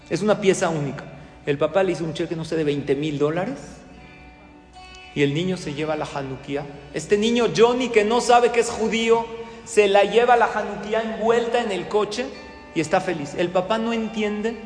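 A man telling a story as a sermon, acting out the characters' dialogue with lively emphasis. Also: on the high side. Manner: animated storyteller, acts out dialogue. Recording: echoey hall with soft guitar music.

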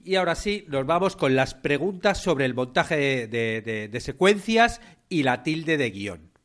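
A man's voice: fairly high pitch, lively intonation, unhurried, a bit bright. A man hosting a casual solo podcast, rambling and repeating words, filling gaps with eh and ¿no?. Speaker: podcast host.

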